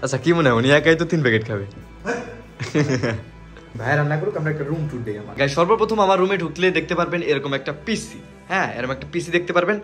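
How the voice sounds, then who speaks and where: Fast-talking young Bangladeshi man, chatty. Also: a little high, fairly bright tone. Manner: chatty, joking, informal. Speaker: vlogger hosting a food challenge. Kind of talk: casual vlog chat. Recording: roomy echo, music underneath.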